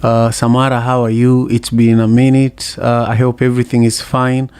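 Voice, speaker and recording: A man hosting a podcast discussion, relaxed as he invites the next speaker, over a video call. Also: mid-range voice, moderate pace, smooth. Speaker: podcast host. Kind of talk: casual group discussion.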